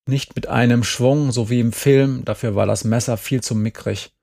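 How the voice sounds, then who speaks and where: A man reads a novel aloud in a calm, measured way. His voice has a gravelly edge and sits at an ordinary pitch. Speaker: audiobook narrator. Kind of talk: scripted narration.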